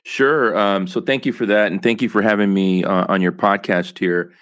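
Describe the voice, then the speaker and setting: A man from El Salvador, a company executive, appears as a podcast guest in a casual interview, speaking earnestly about his work with many fillers and restarts. His voice is lowish, steady, moderately paced and a bit bright.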